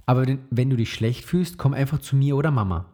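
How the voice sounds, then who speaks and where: A kind, careful father from a children's storybook, read by a man in his own voice. He speaks gently and reassuringly. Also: mid-range voice, fast talker, close to an everyday voice. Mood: gentle.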